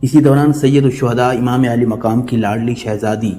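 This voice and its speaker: A man's voice: mid-range voice, steady tone, dark tone. Solemn man narrating with long reverb. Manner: solemn, mournful storytelling. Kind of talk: devotional story narration. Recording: long reverb with background music.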